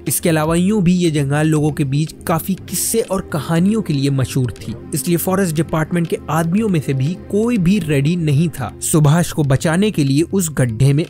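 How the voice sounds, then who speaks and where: A man's voice: on the high side, mellow. A young man narrating a true story in a dramatic, suspense-building way into a desk mic in a small room. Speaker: documentary narrator. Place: small decorated room indoors. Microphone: desk mic on boom arm. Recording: faint background music. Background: faint music.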